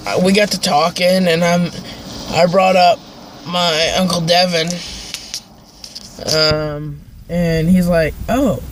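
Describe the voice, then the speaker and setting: Young male amateur reviewer, high-pitched, halting and casual, rambling delivery over clearly noisy audio. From northern Maine, United States. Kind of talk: casual vlog chat.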